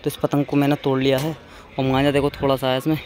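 Open rooftops, a noisy handheld outdoor recording, and a young vlogger talking fast: his medium-pitched voice is flat and a little mellow. He speaks casually, addresses viewers as friends and keeps repeating himself.

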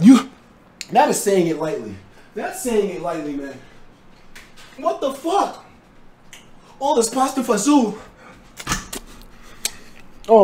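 A young man hosting a livestream, loud and excitable, shouting and swearing as he reacts, his voice hoarse. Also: high-pitched. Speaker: livestream host.

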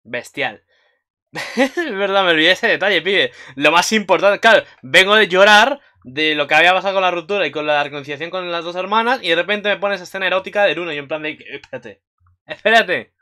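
A man with a high-pitched voice talks fast as he casually recaps an anime episode for his commentary vlog. He rambles excitedly, and his speech is packed with fillers.

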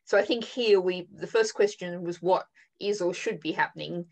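A woman with a fairly low voice hosts a webinar panel over a video call. She introduces speakers and poses questions in a thoughtful, halting way, often pausing on "um" as she gathers her thoughts. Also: a little mellow, low-quality recording. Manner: thoughtful, halting, with frequent "um" fillers. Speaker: webinar moderator. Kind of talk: moderating an online panel.

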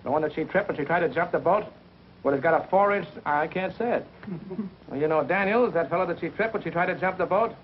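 A man's voice: on the high side, fast talker, close to an everyday voice. A man acting a film scene who keeps forgetting his lines, swearing and laughing at himself. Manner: flustered, swearing and laughing at his own flubs. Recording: muffled hissy 1940s film soundtrack.

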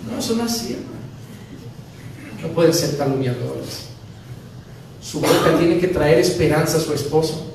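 Man, pastor, animated sermon, booming echo, faint hiss behind. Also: normal speed, vocal fry, pauses often. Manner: animated, acting out dialogues with humor. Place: church sanctuary. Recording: very echoey church from a distance, faint noise.

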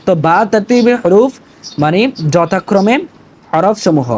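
Patient man teaching letters slowly. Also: high voice, darkish tone, a little hiss or hum, poor audio. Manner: patient, deliberate letter-by-letter teaching with frequent "to" fillers; stresses pronunciation and asks viewers to repeat. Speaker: Urdu teacher. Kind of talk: recorded online language lesson.

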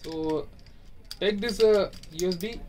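A high-voiced man, a ship electrician, explains how to set up the TV in a small cruise ship cabin as a casual how-to demonstration, filming on a phone camera he holds himself. He speaks haltingly in non-native English with fillers, in a slightly mellow voice that sounds far from the mic, with a little hiss or hum.

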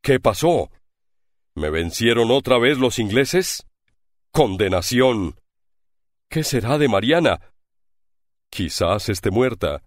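A man's voice: mid-range voice, sing-song, slow pace, long pauses, dry recording. A man voicing a proud, fierce pirate prince held captive in chains, crying out in desperation. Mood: anguished. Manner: desperate outcries.

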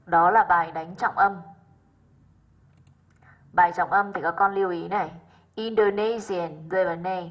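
Breathy woman teacher checking answers. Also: fairly low pitch, little pitch movement, normal speed, pauses often, muffled recording. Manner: checks in often with rhetorical questions. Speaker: English teacher. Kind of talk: going over exercise answers.

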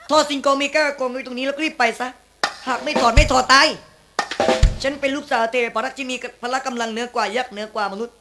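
A man's voice: very high-pitched, fast talker, voice pushed up. A man voicing a haughty young woman, a guardian spirit's daughter, in a shadow-puppet play, threatening intruders in a stern, formal way. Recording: loud puppet-theatre band music behind.

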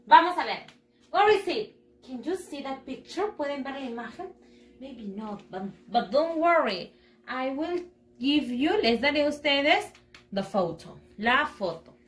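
A first grade English teacher whose first language is Spanish gives a bilingual lesson, drilling words, switching between Spanish and English, and cheerfully praising the children. Her voice is lively and high, her pace slow, and the room echoey.

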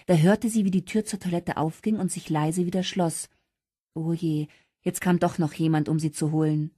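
A woman narrates an audiobook with lively, expressive storytelling. Her voice sits somewhat low, and the recording is close and dry. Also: moderate pace, slightly rough, dry recording. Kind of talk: scripted narration.

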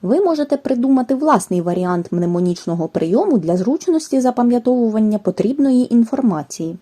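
A woman giving a scripted language lesson, reading rules and examples in a careful, measured way. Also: on the high side, lively intonation, mellow. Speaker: language teacher. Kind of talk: scripted educational narration.

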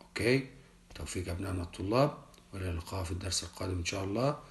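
A man, teaching a children's English lesson and explaining each word slowly and carefully. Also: deep voice, a little hiss or hum. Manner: slow, deliberate, repeats each word for children. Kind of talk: primary school English lesson, explained in Arabic.

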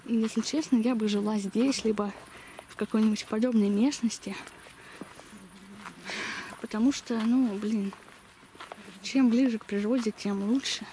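Holding her camera at arm's length, a young adult vlogger talks casually as she strolls down a village street outdoors, lisping with a slushy sh for s. She speaks at a measured pace with long pauses in a steady, warm, highish voice, and the recording picks up lots of outdoor noise.

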